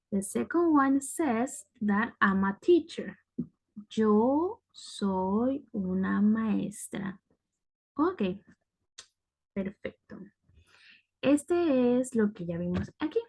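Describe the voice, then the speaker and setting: Slow-paced higher-voiced woman teacher. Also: expressive, gravelly, darkish tone, slightly rough. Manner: patient, repeats "ok" to check understanding. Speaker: English teacher. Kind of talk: classroom lesson.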